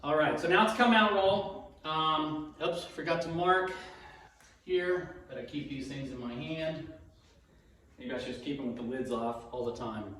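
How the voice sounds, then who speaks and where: A man's voice: on the high side, a bit bright, a little hiss or hum. Echoey, distant man with a cold, narrating. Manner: halting, self-narrating, repeats each call. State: has a cold, throat-clearing. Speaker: dice betting demonstrator. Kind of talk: casual play-by-play commentary. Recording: very echoey room, distant mic.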